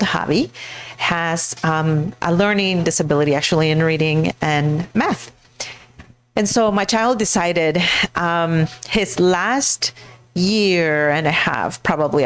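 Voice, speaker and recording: A middle-aged woman from Mexico, a school board candidate speaking earnestly into a handheld mic, pausing often with fillers and restarts. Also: lowish voice. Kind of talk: personal speech to a live audience.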